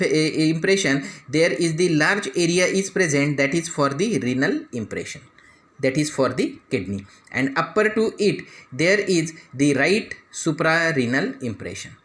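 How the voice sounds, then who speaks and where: A man with an Indian English accent gives an anatomy lecture. His voice sits a little high, and he walks through each structure in turn, pointing things out and stringing his phrases together with "that is.". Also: a bit bright. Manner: explains step by step, pointing out structures; frequent "that is" and "after then" phrasing.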